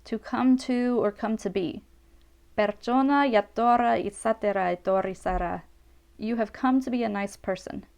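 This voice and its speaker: A woman's voice: on the high side, gravelly, a little mellow. Woman narrating a careful grammar lesson. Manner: careful, slowed pronunciation of example phrases. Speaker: language teacher.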